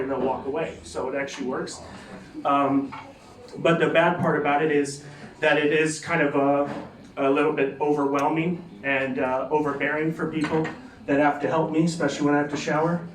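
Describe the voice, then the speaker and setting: An American man doing a stand-up comedy set in a club, rambling and self-mocking with lots of fillers and restarts. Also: a little high. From United States. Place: comedy club stage, live audience. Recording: roomy, distant mic, crowd noise.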